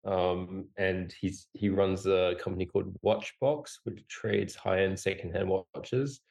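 A man in his forties with a low voice talks as a podcast guest. He rambles casually with lots of fillers and restarts, and he jokes about himself as he goes. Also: fairly even intonation, unhurried, vocal fry, darkish tone. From Australia, raised in Singapore and Hong Kong. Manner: rambling, many fillers and restarts, self-deprecating humor. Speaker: podcast guest, company founder. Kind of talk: casual conversational interview.

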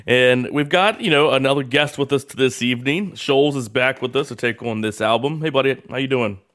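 A man's voice: medium pitch, fairly quick, fairly bright tone. A man hosting a casual podcast chat, laid-back and rambling, and he swears freely. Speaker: podcast host.

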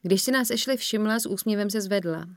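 A woman reading a first-person audiobook in a measured storytelling manner, voicing the characters as she goes. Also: medium pitch, no echo, clean studio sound. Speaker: audiobook narrator.

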